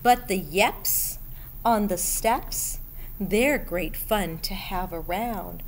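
A middle-aged woman reading a picture book aloud to children in an expressive, deliberate way, pausing as she addresses young listeners. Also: medium pitch, low-quality recording. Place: school library room, indoors. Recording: steady background room noise.

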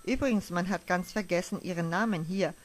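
A kind young night nurse, as a woman reads her, friendly and chatty in a fairly low voice. A quiet bed of music runs faintly beneath. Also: brisk, close to an everyday voice. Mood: kindly.

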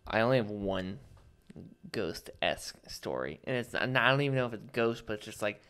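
A man's voice: fairly low pitch, animated, moderate pace, a bit bright, clear, resonant tone. A man co-hosting a podcast, casually telling an anecdote in a laid-back way, full of "like". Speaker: podcast co-host.

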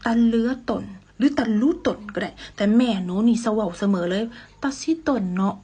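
A woman teaching common phrases in a casual, playful lesson, slowly drawing out the example sentences. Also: medium pitch, lively intonation, mellow, slightly rough. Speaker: language teacher.

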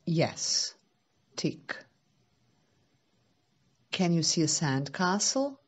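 Female teacher, native Serbo-Croatian, husky and slow, patient delivery as if reading to a toddler. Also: lowish voice, sing-song. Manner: patient step-by-step questions and repetition. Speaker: English teacher for young children. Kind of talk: slow, simple lesson for small children, like reading to a toddler.

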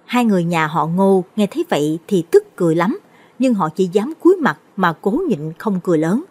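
Low, breathy woman telling a ghost story. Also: very animated, brisk, a little mellow. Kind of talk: late-night ghost story narration.

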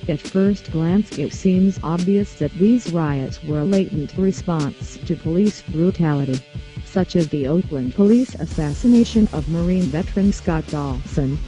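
Give me a disguised synthetic computer voice as an anonymous spokesperson, reading a scripted statement in a flat, measured way. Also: medium pitch. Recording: muffled lo-fi audio with faint music.

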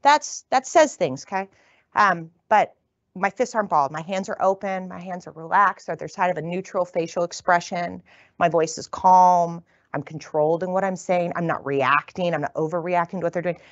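A woman from the northern United States lecturing as a physician, talking fast and casually and often tagging her points with "right?". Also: on the low side, no echo, highs cut off. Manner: quick, conversational, tags lines with "right?". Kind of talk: continuing-education lecture. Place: lecture room.

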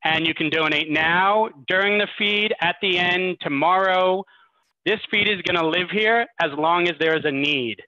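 Over a group video call from an indoor room, a high-sitting, sharp-toned male voice at a normal speed addresses the audience with announcements as host of an online charity event. The video-call microphone yields dull, muffled sound, with no room sound.

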